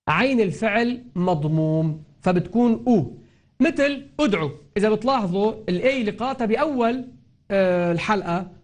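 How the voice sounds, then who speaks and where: A man with a Lebanese Arabic accent gives a patient spoken lesson on recitation, and his voice sits noticeably high. He goes over each point more than once and stretches out the example words so they can be heard clearly. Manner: explains patiently, repeating and drawing out example words. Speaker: Quran recitation teacher. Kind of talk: spoken grammar and tajweed lesson.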